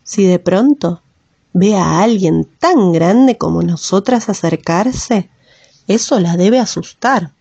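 A woman voicing a gentle, thoughtful mother who calmly explains things to her daughter. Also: medium pitch, slow pace, gravelly, breathy edge, no room sound, full character voice. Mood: tender, reflective. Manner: soft, reflective, explaining patiently. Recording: slightly muffled dry recording.

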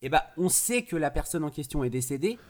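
A man's voice: on the high side, big pitch swings, brisk, over a noisy crowd. Enthusiastic man reviewing a film. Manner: enthusiastic, restarts phrases often. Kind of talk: casual film review chat.

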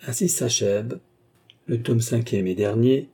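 Husky-voiced man narrating a classic novel. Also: medium pitch, unhurried, dark tone. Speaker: audiobook reader.

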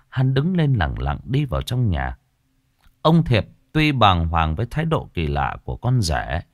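Low-voiced man narrating a ghost story. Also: no echo, clean studio sound. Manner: dramatic, lingering on gruesome detail. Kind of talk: scripted horror story narration.

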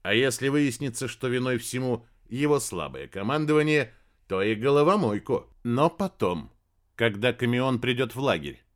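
A man reading a story aloud in a dramatic, expressive audiobook narration. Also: medium pitch, moderate pace.

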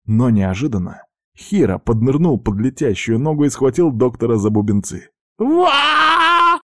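A man narrating a novel as an audiobook reader, with lively storytelling. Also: mid-range voice, normal speed, no echo, studio quality.

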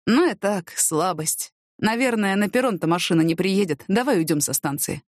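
A woman voicing a pale, wounded male investigator who talks weakly and slowly. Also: mid-range voice, expressive, no echo, clean studio sound, lightly acted. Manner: weak, slow, subdued.

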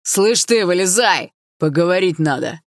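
A woman playing an angry bearded young man who shouts crude insults at his ex. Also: lowish voice, expressive, a little slow, dry recording, studio quality. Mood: furious.

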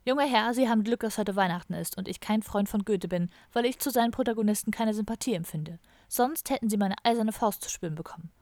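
A woman's voice: mid-range voice, quick pace, few pauses, a little mellow, dry recording, natural voice. A woman voicing a bossy male police officer who barks orders in an officious way. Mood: barking. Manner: barking, officious. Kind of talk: audiobook character voice.

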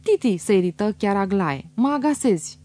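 Woman voicing an overbearing older mother, sharp needling questions, audiobook. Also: medium pitch, animated, lightly acted. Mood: irritated.

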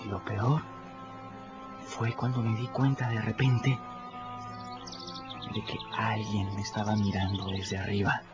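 In this radio drama, a man narrates in the first person as a boy, sounding earnest and reflective, his voice climbing higher when emotion takes hold. Delivery is flat and measured, broken by long pauses. Music plays beneath muffled radio sound.

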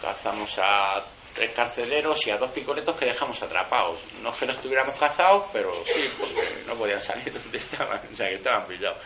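Fast and mid-range, this man's voice competes with background noise. He is a former prisoner telling his own story casually, bluntly, and animatedly, peppering it with slang and curses and restarting his sentences often.

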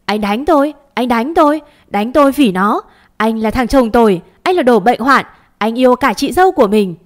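Woman acting out a hysterical jealous wife, shrill, loud, screaming, audio storybook. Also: lively intonation, fairly quick.

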